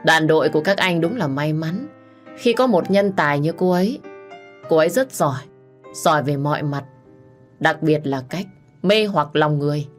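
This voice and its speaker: A woman's voice: sits low, expressive, normal speed, faint music behind. A woman voicing a heartbroken young gang boss. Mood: bitter. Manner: pleading, bitter. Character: anguished young male gang boss in love. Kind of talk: audiobook character voice.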